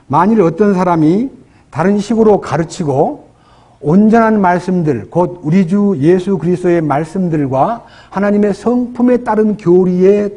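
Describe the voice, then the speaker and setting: A man's voice: high-pitched, mellow, husky. A man preaching a sermon as pastor, asking the congregation questions and acting out prayers in his own words. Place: church.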